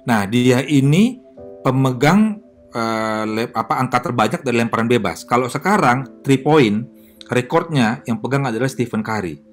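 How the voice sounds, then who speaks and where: Male pastor, mid pitch, conversational sermon delivery, frequent fillers, faint guitar underneath. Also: moderate pace. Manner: lively, chatty preaching with audience questions; filler-heavy, self-correcting delivery.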